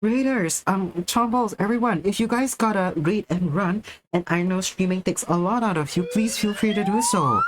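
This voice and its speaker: A woman's voice: mid-range voice, lively intonation, moderate pace, few pauses, background noise. A woman livestreamer chatting to her viewers in a cute, bubbly anime-streamer manner. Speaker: art livestreamer. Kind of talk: casual livestream chat with viewers.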